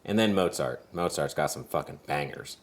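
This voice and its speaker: A young man co-hosts a casual chat, rambling and reflective as he searches for his words. His voice is very deep and low. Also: expressive, moderate pace. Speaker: co-host.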